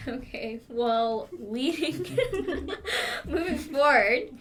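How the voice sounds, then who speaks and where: Young woman co-host, bright and a little high, chatty and quick to laugh. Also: slight background noise. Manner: animated, laughs often. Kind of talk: casual chat.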